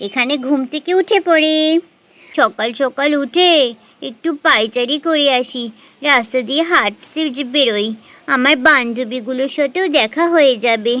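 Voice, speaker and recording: A woman's voice: high-pitched, normal speed, sharp tone, pitched below the performer's own voice. A woman voicing an elderly village mother-in-law in a doll story, talking homely and chatty to herself.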